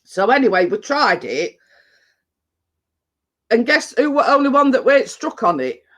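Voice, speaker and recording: This man's voice is very high-pitched and sing-song, a bit bright, moving at a moderate pace. A livestream host with a Yorkshire accent, he's shaking off a cold and chest infection, so he sounds chesty and stuffed up while rambling to live viewers in thick dialect.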